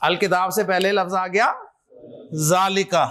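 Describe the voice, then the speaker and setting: A man's voice: sits high, little pitch movement, a little slow, fairly bright tone. A male Quran grammar teacher with an Urdu accent, giving a classroom lecture and quizzing his students back and forth. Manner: quizzing, call-and-response, coaxing students.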